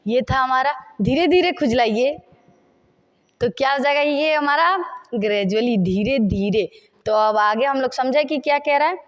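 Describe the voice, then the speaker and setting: Woman English tutor, high-pitched, patient, repeats example sentences slowly for learners. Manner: repeats phrases slowly while writing examples. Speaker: English teacher. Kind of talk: spoken English lesson explained in Hindi.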